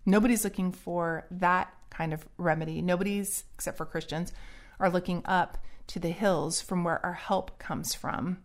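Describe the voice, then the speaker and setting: Earnest woman with a preachy tone. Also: lowish voice. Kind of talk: solo spoken commentary.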